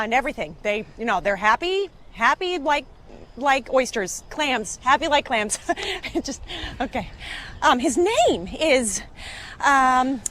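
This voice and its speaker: A chatty woman who gets flustered and rambles, hunting for words. Her voice sits high and swings widely in pitch. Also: fairly bright tone, full character voice. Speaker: friend of the lead. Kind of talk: film acting.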